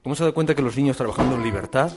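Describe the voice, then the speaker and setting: A man's voice: mid-range voice, rapid-fire, background noise. A man interviewing school staff on site, asking curious, prompting questions with frequent restarts. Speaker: radio interviewer. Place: school classroom with children.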